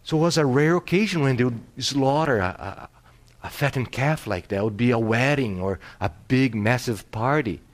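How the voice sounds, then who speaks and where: A man preaching a sermon as pastor. He swings from hushed, near-whispered lines to loud, rising passages and repeats phrases for emphasis. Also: mid-range voice, moderate pace.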